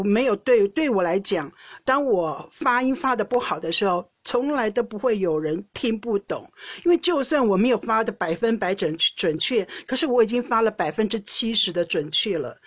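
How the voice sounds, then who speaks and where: Taiwanese Mandarin woman host, mid-pitched, dry close sound, chatty and self-correcting. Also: slightly rough, no echo. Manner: chatty, frequent self-restarts and small laughs. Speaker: podcast host. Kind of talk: casual storytelling monologue.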